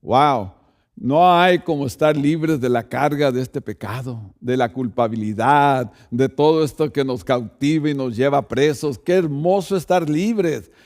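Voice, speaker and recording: A man's voice: medium pitch, a little slow, darkish tone. A man, a pastor, preaching a sermon and speaking directly to the congregation, often checking in with rhetorical asides.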